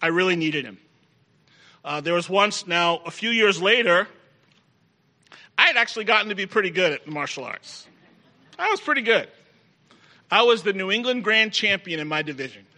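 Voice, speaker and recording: A man's voice: high-pitched, lively intonation, moderate pace, long pauses, pushed and bright. A middle-aged man preaching a sermon to a live congregation, emphatic and repeating key phrases for effect.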